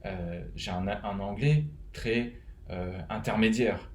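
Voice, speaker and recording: A man's voice: lowish voice, slow, a little mellow, roomy sound. A man from France with a French accent, casually giving advice to fellow web developers, rambling with many fillers and restarts. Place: home, living in Canada.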